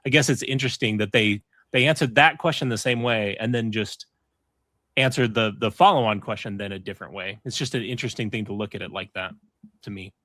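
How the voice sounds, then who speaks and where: Podcast host guy, bright voice, dry close sound, asks if he's got it right. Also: fairly low pitch, brisk, no room sound. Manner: inquisitive, checks his understanding. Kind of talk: casual discussion.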